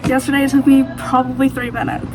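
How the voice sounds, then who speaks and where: Casting: chatty, informal woman, high voice, casual backstage vlogger, music underneath. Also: flat delivery, quick pace. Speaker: theatre dresser vlogging backstage. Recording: music behind the voice.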